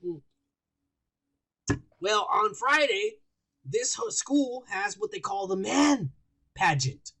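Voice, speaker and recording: This raspy, gravelly-voiced American co-host has a high, lively pitch but takes it slowly, pausing often, and the audio is poor. In casual podcast chat he rambles crudely and profanely, sounding loose and high while drinking.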